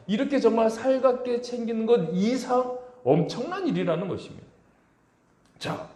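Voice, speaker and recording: A man's voice: fairly high pitch, a little mellow, reverberant. A man in his forties preaching a sermon as pastor, acting out quoted voices with big swings in tone. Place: church sanctuary.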